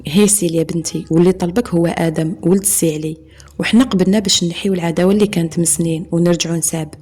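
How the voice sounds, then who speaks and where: A woman with an Algerian accent voicing a calm, firm grandfather in a told story. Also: fairly low pitch, racing, husky. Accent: Algerian Arabic.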